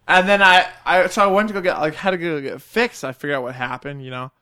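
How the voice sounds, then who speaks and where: A young man telling a rambling, animated story in casual chat, swearing freely and laughing through it. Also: fairly high pitch, quick pace.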